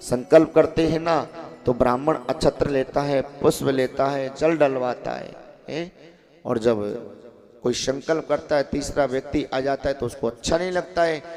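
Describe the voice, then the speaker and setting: A man's voice: mid-range voice, normal speed, darkish tone. A man telling a devotional story as a sermon to a seated audience, often asking them questions and calling out to listeners in the back. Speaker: kathavachak preacher. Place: ashram hall with a seated audience.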